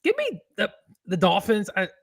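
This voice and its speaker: A man with a high voice and wildly swooping pitch co-hosts a casual football picks show at a moderate pace. His sports betting chat is loose and full of filler, and he laughs along as he goes.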